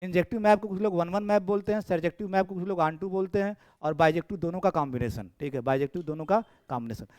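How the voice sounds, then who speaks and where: In a classroom lecture captured by a camera in the room, a male maths teacher talks in a high-pitched, darkish voice at a quick pace with hardly any pauses. The recording is dry. Chatty, he repeats phrases and checks his students' notebooks aloud.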